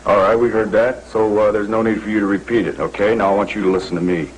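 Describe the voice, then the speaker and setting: A man plays a steady football coach in a 1980s TV soap. His lowish voice is firm and encouraging. Faint hiss from an old TV recording is behind him. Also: quick pace, lightly acted, poor audio. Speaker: actor in a soap opera.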